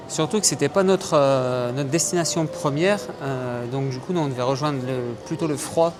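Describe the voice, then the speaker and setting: A man chatting to viewers in a casual travel vlog, hesitant with many fillers, recorded outdoors and on the road. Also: fairly high pitch. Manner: chatty, addresses viewers as "les gars". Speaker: travel vlogger. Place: outdoors in a city and in a vehicle. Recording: noisy outdoor vlog audio.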